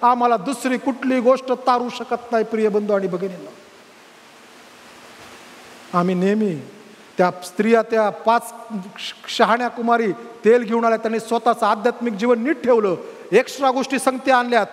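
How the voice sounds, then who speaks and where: Pastor preaching fervently, really high voice, echoing church hall. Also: male voice, fairly even intonation, normal speed. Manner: fervent preaching that climbs to loud calls. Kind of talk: sermon.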